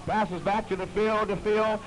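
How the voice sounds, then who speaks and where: A man's voice: sits high, a little slow. A man calling a basketball game play by play, heard as a played-back early 1930s archive recording. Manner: plain, steady play-by-play calling. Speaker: basketball commentator. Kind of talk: live play-by-play commentary. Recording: noisy, hissy old archive recording.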